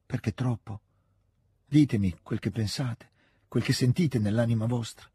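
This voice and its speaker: A man reading a dying prince, hushed and husky. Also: medium pitch, normal speed, no echo, studio quality. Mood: tender. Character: dying wounded young prince, tender and feverish.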